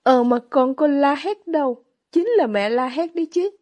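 A woman voicing a shrill, impatient teenage girl in a storybook reading. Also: lively intonation, a little slow, darkish tone.

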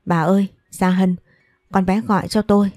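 A woman voicing an anxious, caring older father in an audio story, read in a soft, plain way. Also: mid-range voice, flat delivery, moderate pace, dry recording, clean studio sound, faint music behind, close to an everyday voice.

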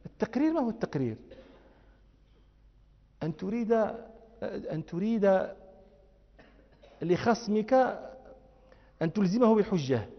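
A man teaching a lecture class. He recites verses softly, then explains them with rising emphasis and quick rhetorical checks. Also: very high voice. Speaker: Islamic scholar teaching. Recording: dull lo-fi audio with long hall reverb.

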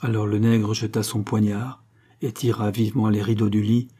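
A man reading an audiobook with measured, dramatic storytelling. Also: lowish voice, level tone, dark tone, husky. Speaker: audiobook narrator. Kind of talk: scripted audiobook narration.

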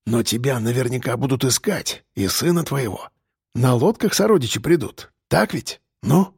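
A man's voice: mid-range voice, expressive, normal speed, vocal fry, darkish tone, husky, no echo, studio quality, exaggerated voice. A man voicing a scheming, streetwise male convict who talks in slang and presses with questions. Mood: wheedling.

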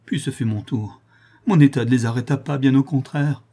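A man's voice: mid-range voice, moderate pace, dark tone, slightly rough, pitched above the performer's own voice. A man reading aloud and voicing a distraught young nun, broken and ashamed, with anguished, pleading speech.

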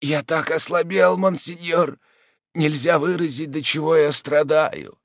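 A man voicing a gravely ill, cunning Jesuit who speaks weakly, slowly and with quiet irony, half in a whisper. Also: fairly high pitch, steady tone, a little hiss or hum, voice pushed up. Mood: weakly mocking. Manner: weak, halting, ironic, half-whispered. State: feverish and exhausted.

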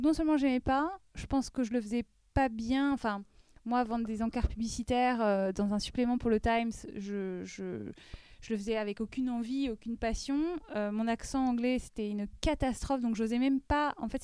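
Woman podcast guest, higher mellow voice, hesitant and reflective, dry close mic. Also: smooth, no room sound. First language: French. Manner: reflective, many hesitations and restarts. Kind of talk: podcast interview.

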